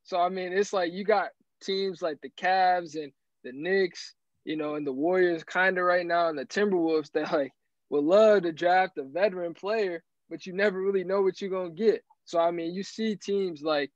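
A man talks as a guest analyst in casual sports chat, animated and rambling, often restarting his sentences. His voice sits fairly high. The recording is dry and dull, with a lo-fi sound. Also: normal speed, dry recording.

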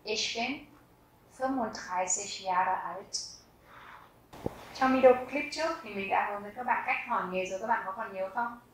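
A woman in her thirties giving a language lesson, repeating each example phrase slowly and deliberately. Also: mid-range voice, far from the mic, slight background noise. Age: 30s. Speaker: German teacher. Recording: very echoey room.

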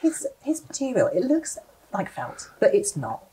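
A young woman presents products in a studio with a very lively, swooping voice. Her delivery is chatty and rambling, full of gushing exclamations, as if she is thinking aloud. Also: mid-range voice, normal speed, a crowd in the background. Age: young adult. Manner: prone to laughter. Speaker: presenter of a live shopping show. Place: furnished studio set, indoors.

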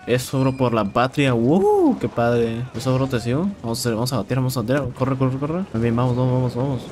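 A young man with a Mexican accent giving casual, excitable commentary while playing a shooter game, swearing and repeating words. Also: mid-range voice, fast talker. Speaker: gameplay streamer. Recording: game sounds and noise in background.

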